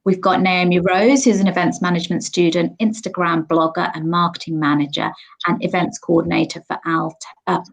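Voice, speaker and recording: A woman's voice: lowish voice, fairly even intonation, fairly quick, vocal fry. A woman in her forties hosting a live online panel, chatty and upbeat, with frequent ums, recorded on a computer mic at home. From Sri Lanka, raised in England. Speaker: host.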